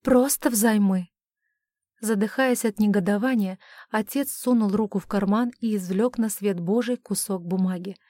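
A woman reading a romance novel aloud as an audiobook narrator, measured and even. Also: medium pitch, no echo, clean studio sound.

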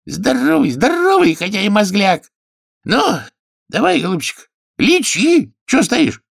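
Brief: a nasal, bratty old king, high and whiny, bossy. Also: sing-song, a little slow, gravelly, no echo, clean studio sound, full character voice. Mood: whiny demanding. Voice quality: nasal, whining. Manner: querulous, bossy, shouting demands.

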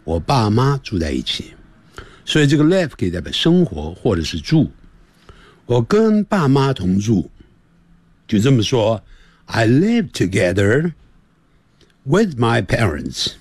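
Husky, lively male English teacher. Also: mid-range voice, dry recording. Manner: drills pronunciation by slow repetition; lively, playful explaining. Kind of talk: radio English lesson.

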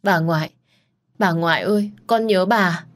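A woman's voice: on the low side, measured pace, lightly acted. A woman voicing a frightened young wife who cries and pleads in a nightmare. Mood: longing.

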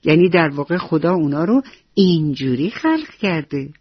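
A woman's voice: sits low, sing-song, husky, no echo, muffled recording, full character voice. A woman voicing a loving old grandmother who speaks in a tender, reassuring way.

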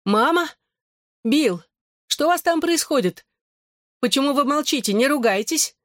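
Narrating an audiobook, a man raises his voice above his natural pitch to play a frightened young woman who is anxious, pleading and alarmed. His delivery is high, lively in intonation, moderately paced and a little mellow, with a dry, clean studio sound.

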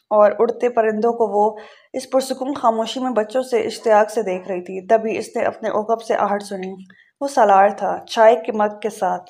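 A woman narrating a novel aloud in a calm, measured way, now and then correcting a word. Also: a little high. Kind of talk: audiobook reading of a novel.

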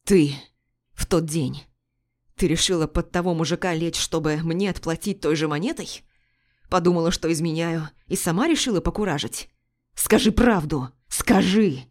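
A woman's voice: lowish voice, fairly even intonation, normal speed, hardly any pauses, darkish tone, lightly acted. A woman reading the part of an angry, jealous husband who harshly accuses his wife. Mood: accusing. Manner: demanding, raw, accusing.

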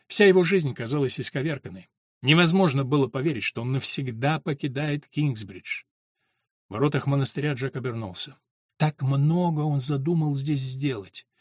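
A man narrating an audiobook with a steady storytelling delivery. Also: mid-range voice, breathy edge, dry recording, clean studio sound. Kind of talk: scripted narration.

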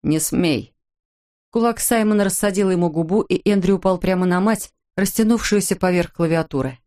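A woman reading an audiobook in a measured, dramatic narration. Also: medium pitch, warm tone. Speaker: audiobook reader. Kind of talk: scripted narration.

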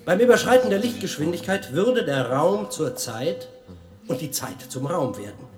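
In a radio play, an actor voices a showy physics guide who lectures a tour group in a declamatory, explanatory style. His male voice is on the high side and animated, at a moderate pace, close to how he'd normally speak.

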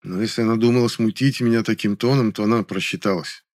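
A man calmly narrating an audiobook in the first person, in a measured way. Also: lowish voice, dry recording, clean studio sound.

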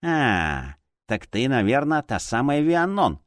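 A smug, villainous alchemist, played by a male reader, pitched below the narrator's own voice. He grumbles and drawls his lines slowly, with a dry, close sound. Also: sing-song, dry recording. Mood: sly, grumbling. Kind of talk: audiobook character voice.

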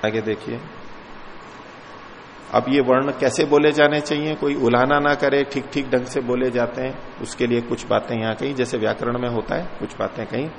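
Guy explaining old scripture, chants the verses slow then talks em through, echoey hall, bit of background hum. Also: medium pitch, fairly even intonation. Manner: recites verses slowly, then explains in plain speech. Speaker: Vedic scripture teacher. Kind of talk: scripture commentary lecture. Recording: reverberant hall with faint ambient noise.

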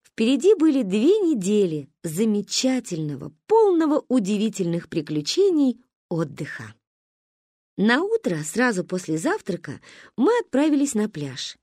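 A woman's voice: mid-range voice, wildly swooping pitch, measured pace, dark tone, no room sound, studio quality. A woman narrating a story as an audiobook, expressively.

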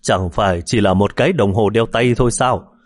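A man's voice: on the low side, no echo, lightly acted. A male narrator voicing a cranky, mischievous old man who complains and scolds. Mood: indignant. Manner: petulant, quick complaining.

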